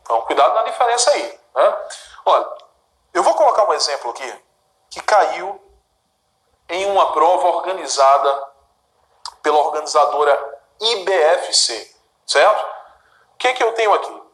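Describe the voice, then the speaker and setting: Chatty Brazilian teacher, roomy studio echo. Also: male voice, fairly high pitch, expressive, unhurried, pauses often, fairly bright tone. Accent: Brazilian Portuguese. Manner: chatty and emphatic, dotted with "olha" and "né?" asides. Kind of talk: recorded exam-prep grammar lesson. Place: studio with a director watching.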